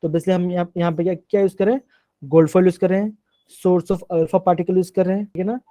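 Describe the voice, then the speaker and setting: A man's voice: sits high, fairly even intonation, a little fast, dark tone, no echo. A man teaching a class live online, often asking questions and repeating them, mixing terms into his sentences.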